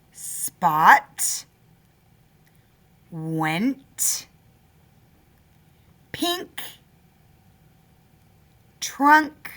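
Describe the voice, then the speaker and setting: A woman's voice: fairly low pitch, fairly bright tone. A woman teacher dictating a first-grade spelling test, sounding words out and repeating them with simple instructions for young children. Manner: sounds words out slowly, repeating each one.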